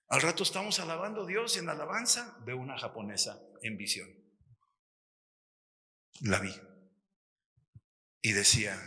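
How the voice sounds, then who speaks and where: A middle-aged Mexican man giving a lively testimony sermon at a missions workshop, acting out the dialogue as he tells the story. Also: medium pitch, slightly rough. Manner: animated storytelling, acts out dialogue.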